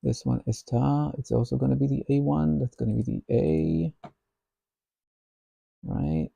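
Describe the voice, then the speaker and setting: A man thinking aloud while he codes, musing slowly and half to himself. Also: mid-range voice, gravelly, dark tone, slightly rough, dry recording. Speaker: software developer.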